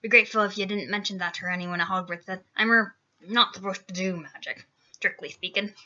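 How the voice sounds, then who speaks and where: A woman voicing a big gruff, kindly male giant gamekeeper, loud and rustic in a dull lo-fi recording. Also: medium pitch, brisk. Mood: rueful. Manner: loud rustic dialect speech.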